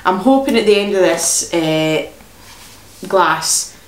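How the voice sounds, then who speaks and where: A woman reviewing craft beer in casual chat, relaxed and hesitant with frequent ums. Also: fairly low pitch, slow pace. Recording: echoey room.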